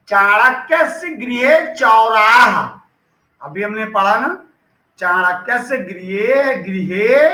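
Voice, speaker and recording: A man's voice: very high voice, pushed and bright, roomy sound, rough recording. A man teaching a school lesson, patiently dictating answers in a mix of Hindi and English. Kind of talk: classroom lesson explaining answers.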